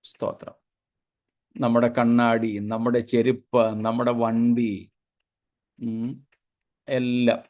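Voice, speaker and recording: A man's voice: medium pitch, little pitch movement, slow, long pauses, a little mellow. A male pastor giving a Bible sermon, building long spoken lists and dropping in short 'praise God' asides.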